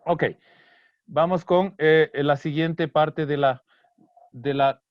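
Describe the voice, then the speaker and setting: A man's voice: fairly high pitch, fairly even intonation, no room sound. Patient man teaching Kichwa. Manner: patient, repeats words slowly for pronunciation, many fillers. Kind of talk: online language lesson explaining song lyrics. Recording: dry, slightly dull online class audio.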